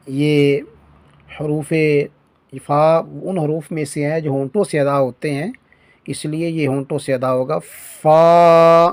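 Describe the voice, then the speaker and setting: Male teacher, slightly high voice, drawn-out letter sounds, dry close recording. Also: a little mellow, no room sound. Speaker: Quran reading teacher. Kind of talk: patient beginner lesson.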